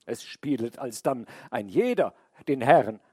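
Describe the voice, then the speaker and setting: A talkative crow pours out his sorrow in a wailing, pleading lament, as a man reads him. The telling is slow and drawn out, close and dry with no room sound, like an old storybook fable. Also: medium pitch, sing-song, darkish tone, slightly rough, no room sound.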